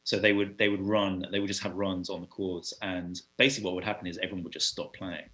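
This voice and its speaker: A British man, a podcast guest, telling stories in a casual and animated way. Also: deep voice, fast. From United Kingdom. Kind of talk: casual storytelling chat.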